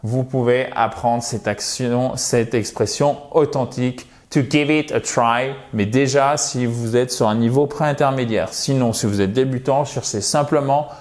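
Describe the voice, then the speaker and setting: A man's voice: medium pitch, moderate pace, few pauses, a little mellow. A man from France teaching English in an online lesson, patiently repeating words for pronunciation and addressing viewers as dear friends.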